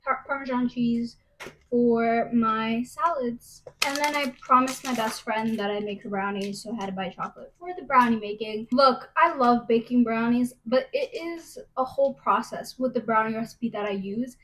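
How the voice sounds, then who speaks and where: A woman's voice: on the high side, moderate pace, a bit bright, a little hiss or hum, low-quality recording. A young woman, a college student, chatting casually to a propped-up camera in her kitchen, rambling off on gossipy tangents. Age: young adult. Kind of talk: casual vlog chat to camera. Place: home kitchen, later a bedroom. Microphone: phone camera propped at arm's length, later a handheld mic.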